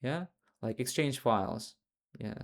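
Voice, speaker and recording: Unhurried man quizzing his partner. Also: mid-range voice, expressive, gravelly. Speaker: tutor and co-host. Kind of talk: live screen-share tutorial.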